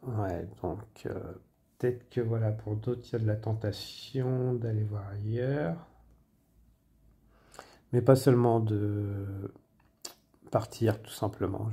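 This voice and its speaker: A man giving a medium's general reading in a low, husky voice with a very dark, mellow tone. He speaks haltingly, full of fillers and pauses, and often sinks to a near-whisper. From France. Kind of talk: spontaneous spoken guidance.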